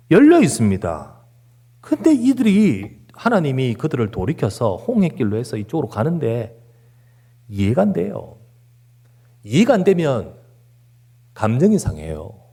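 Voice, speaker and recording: A man delivers an emphatic Sunday sermon in a church sanctuary. His voice is warm and a little breathy, and his pitch leaps and falls with great animation. He presses his points with rhetorical questions and repeated words. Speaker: pastor.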